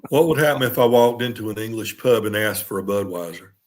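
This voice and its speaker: A man's voice: fairly low pitch, fast talker. A man in a casual livestream chat who chimes in with short, dry questions.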